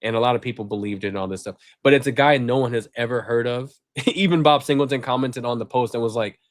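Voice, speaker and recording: A man's voice: mid-range voice, fast talker, no room sound, clean studio sound. A man hosting a casual group chat over a video call, rambling with fillers and laughing often. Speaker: podcast host.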